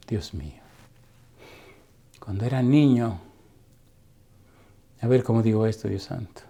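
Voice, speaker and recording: Fervent preaching man, mellow voice. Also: on the low side. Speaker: pastor. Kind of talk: sermon.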